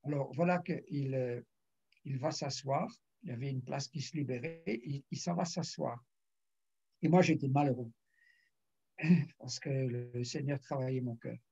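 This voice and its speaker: Un pasteur âgé qui raconte un témoignage en prédication, en jouant les dialogues et en se raclant souvent la gorge. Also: male voice, medium pitch, a little slow, pauses often, a little mellow, lo-fi sound. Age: older. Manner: storytelling, acts out dialogue, frequent throat clearing. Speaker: pastor. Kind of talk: sermon testimony.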